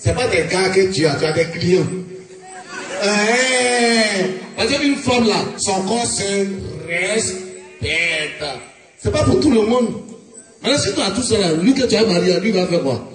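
A man with an Ivorian accent playing a brash, whiny young woman who demands her money in a live comedy sketch, in a high, wailing falsetto. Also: lively intonation, measured pace, over music. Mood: indignant. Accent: Ivorian French. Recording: echoey live stage, distant mic, audience.

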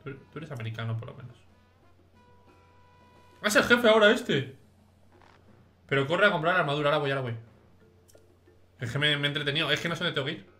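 A young man with an accent from Spain, giving casual, excitable gaming commentary to his chat and swearing freely. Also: fairly high pitch, fast talker, pauses often, faint music behind. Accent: Spain Spanish. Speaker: streamer.

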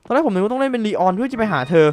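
A man giving excitable live gameplay commentary, a little drowsy from just waking up, often repeating his exclamations. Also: high voice, rapid-fire, clean tone, no echo.

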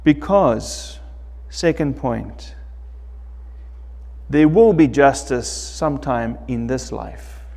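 A middle-aged man preaches at a church lectern, his voice pitched a little high and his delivery very unhurried and deliberate. He leans on emphatic phrases, swelling loud and then falling to near-quiet. The church hall carries a long reverb around him. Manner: slow, emphatic preaching with wide swings in loudness. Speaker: pastor. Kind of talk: sermon.

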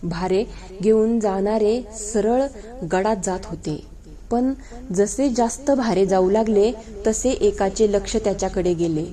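Slow, mellow woman reading aloud. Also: mid-range voice. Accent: Marathi. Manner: slow, measured reading that voices rustic guards and villagers in dialogue. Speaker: narrator reading a historical novel aloud. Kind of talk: dramatic book reading.

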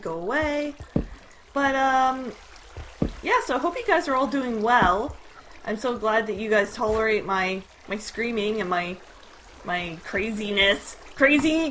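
This gaming video creator, a young woman with a Canadian accent, narrates her gameplay casually, yelping when startled and chatting with her audience. Her voice is on the high side, and background noise runs through the clip.

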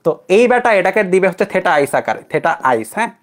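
A young Bangladeshi man teaches an online physics class in a very animated, high voice at a quick pace. He keeps things conversational and checks in with his students often.

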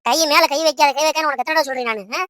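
A woman voicing a bright, scolding cartoon mother. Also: high-pitched, steady tone, dry recording, clean studio sound. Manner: nagging, quick scolding. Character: bossy scolding mother of grown children. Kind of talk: Tamil cartoon voice acting.

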